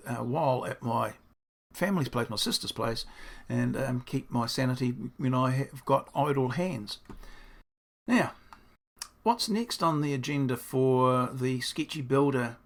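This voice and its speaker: A man with a hoarse, croaky mid-range voice talks through something he's building in a casual diary-style clip, meandering and making fun of himself as he thinks aloud.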